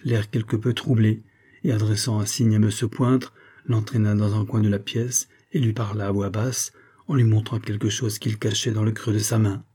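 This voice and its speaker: A man reading an old adventure novel aloud for an audiobook. His voice is low and mellow with a husky grain. He keeps the narration steady and measured. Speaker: audiobook reader. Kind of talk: scripted narration.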